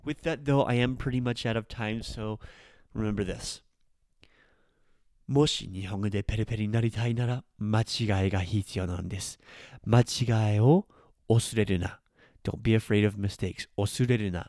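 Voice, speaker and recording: Casting: male podcast host, lowish voice, casual grammar explainer, rolled Japanese R's, dry studio-like sound. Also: steady tone, brisk, darkish tone, no echo. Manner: informal, chatty, explains with acted-out examples. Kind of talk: casual spoken grammar lesson.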